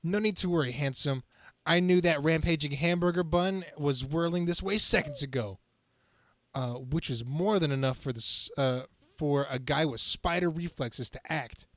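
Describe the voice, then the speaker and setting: A man's voice: fairly high pitch, moderate pace, lightly acted. A man reading the part of Spider-Man, a brash, quippy young superhero, in an amateur comic-book reading, stumbling over the script now and then. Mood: flippant, wisecracking.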